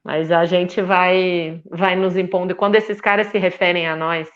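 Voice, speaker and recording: A woman's voice: lowish voice, fairly even intonation, normal speed. Woman, 50s, Brazilian accent, passionate panel guest, repeats words for emphasis, somewhat dull audio. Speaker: feminist union leader, panel guest. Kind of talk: impassioned panel discussion.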